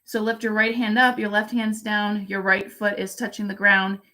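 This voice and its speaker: A woman yoga instructor guiding a home yoga class in a relaxed way, with a raspy voice and pollen congestion. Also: medium pitch, moderate pace. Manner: relaxed, cueing poses with fillers. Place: home under construction. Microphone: laptop camera.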